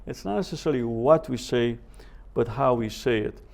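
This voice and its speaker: A man teaches a Bible seminar as a professor, measured and deliberate, pausing often, quoting scripture and posing rhetorical questions. His mid-range voice is expressive, gravelly and darkish.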